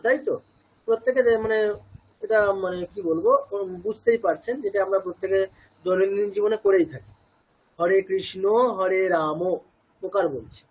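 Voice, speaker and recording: A man's voice: high-pitched, rough recording. A man with a Bengali accent giving a classroom lesson on Sanskrit pronunciation, explaining patiently and putting questions to his students. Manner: explains slowly, asks the class questions, mixes in English words. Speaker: Sanskrit chanting teacher. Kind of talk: classroom lecture.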